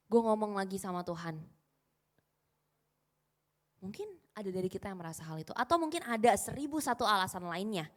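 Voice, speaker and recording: Young woman preacher, kinda high voice, chatty and keeps quizzing the crowd. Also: fairly bright tone. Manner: conversational, quizzes the congregation with questions. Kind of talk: casual youth sermon.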